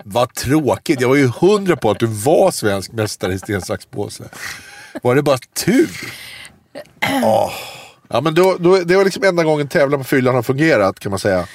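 A man's voice: mid-range voice, sing-song, a little hiss or hum. A man co-hosting a podcast in casual chat, reading out listener ideas and teasing his co-host.

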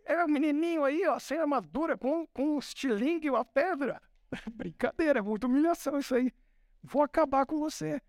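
A man voicing a boastful giant warrior who mocks his opponent in fast, scornful slang. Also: very high-pitched, no room sound, clean studio sound, voice pushed up. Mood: indignant.

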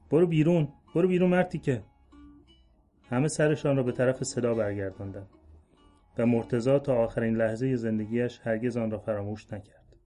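Mellow-voiced man reading a literary story. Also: mid-range voice. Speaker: story reader. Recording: faint music bed under voice.

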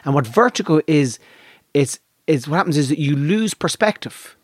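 A man with a west of Ireland accent, chatting casually and telling animated comic anecdotes with plenty of swearing. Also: fairly high pitch, normal speed, husky, no echo, studio quality. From County Donegal, Ireland. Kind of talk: casual chat and comic storytelling.

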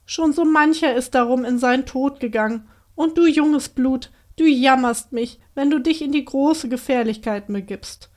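A gentle, sad young princess under a curse, as a woman reads her aloud. She speaks softly and earnestly in a fairly high voice. This is a bedtime storybook reading, not a full performance. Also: moderate pace, lightly acted. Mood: sorrowful.

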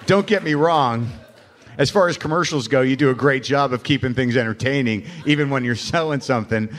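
A man's voice: mid-range voice, a little fast, a bit bright. An American man, a comedian and host, talking informally and profanely on stage at a live show. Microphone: stage microphone. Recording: live room with faint background noise.

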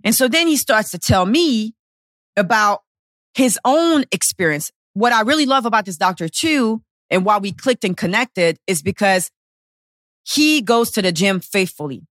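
A woman's voice: medium pitch, lively intonation, normal speed, a bit bright, no echo, studio quality. A woman in her thirties, a personal trainer hosting a podcast, telling a personal story in a blunt, profane, emotional way. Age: 30s.

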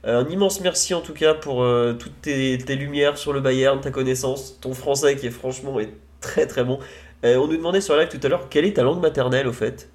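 A man's voice: medium pitch, a little fast. Male stream host, casual and chatty, loose delivery. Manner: relaxed, many fillers and restarts. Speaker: host of a football live stream. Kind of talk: casual live stream chat.

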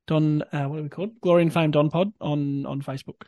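A man's voice: fairly high pitch, fairly even intonation, fast talker, dark tone, no room sound, highs cut off. An Australian man hosting a podcast, chatting casually and informally about sport. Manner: informal, conversational. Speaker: podcast host.

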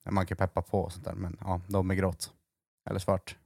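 A lower-voiced man co-hosting a loose podcast chat. He tells stories with energy, mimicking the people in them and laughing along. The sound is dry and close, with no room around it. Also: creaky, slightly rough, dry recording. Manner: animated storyteller, mimics others, laughs often. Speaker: podcast co-host. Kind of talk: casual chat.

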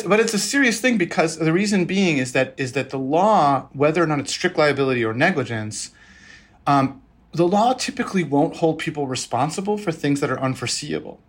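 A man's voice: on the high side, husky. Conversational man, an expert interview guest.

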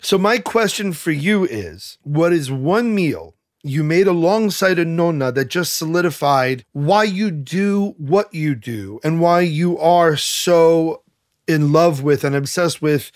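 A man with a fairly high voice hosts an interview on a dry, close mic. He asks long, winding questions in an earnest, empathetic way. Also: lively intonation, takes it slowly, no echo. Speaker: podcast host. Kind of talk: conversational interview.

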